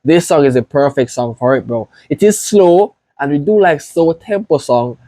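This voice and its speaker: In a casual reaction video, a Jamaican-accented man from Jamaica talks to his audience at a moderate pace, his voice a little high, overflowing with excited praise. No room sound is audible.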